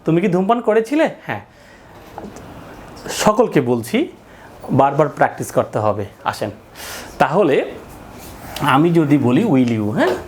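A man's voice: on the high side, big pitch swings, unhurried, pauses often, slight background noise. A man teaching an English lesson in a classroom, drilling phrases and asking the class to repeat after him.

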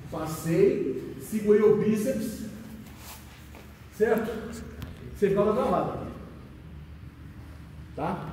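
High-voiced man teaching in an echoey hall. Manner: checks in often with the students. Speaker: jiu-jitsu instructor. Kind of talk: mat-side technique lesson. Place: large echoey training hall. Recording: echoey hall, distant, faint noise.

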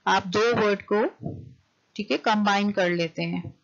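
A woman lecturer giving a recorded class. She reads English points out slowly and then explains them quickly, checking in with "okay" again and again. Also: mid-range voice. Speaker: university lecturer. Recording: dull lo-fi recording.

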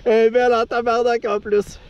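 A young man with a Quebec French accent chatting casually and swearing excitedly while ice fishing. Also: very high voice, brisk, dull audio. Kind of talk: casual chat. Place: outdoors on a frozen lake, later inside an ice fishing tent. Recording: noisy outdoor camera audio.

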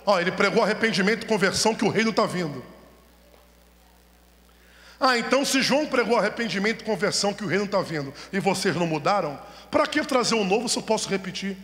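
A man preaching in a church, his high, bright voice ringing through a long hall reverb. He drives the sermon with rhetorical questions and pushes the congregation to answer amen. The sound is echoey and roomy, as from a church's own sound system. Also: quick pace. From Brazil. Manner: animated, rhetorical questions, calls for amens. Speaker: pastor preaching. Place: church sanctuary, at the altar.

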